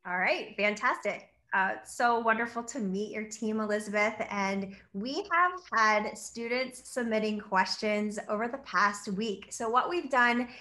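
A woman moderating a video call, brisk and enthusiastic. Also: medium pitch, sharp tone. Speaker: program moderator.

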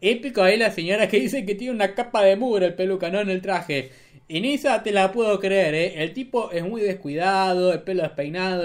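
An Argentine man hosting a political commentary vlog, talking in a mocking, sarcastic way. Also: high-pitched. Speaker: host.

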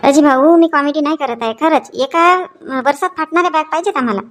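A woman's voice: high voice, fast, a bit bright. A woman playing a mother in a comedy sketch, haggling over prices with a sarcastic, scolding edge. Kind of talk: comic sketch acting.

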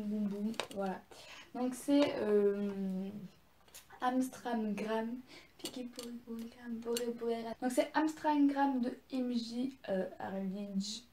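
A woman's voice: on the high side, dark tone, echoey room, slight background noise. A young woman casually showing her presents, chatty and gushing, with many fillers and restarts. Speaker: vlogger. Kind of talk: casual haul video.

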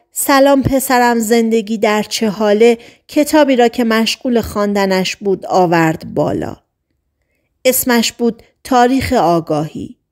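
A woman reading an audiobook novel aloud in a calm, measured storytelling manner. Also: fairly high pitch. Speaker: audiobook narrator. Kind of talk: scripted audiobook narration.

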